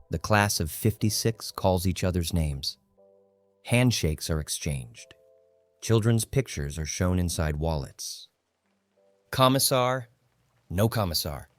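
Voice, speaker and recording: Reading scripted literary fiction, a low-voiced male audiobook narrator delivers the text in a measured, dramatic way. Soft music plays faintly underneath, and there is no echo.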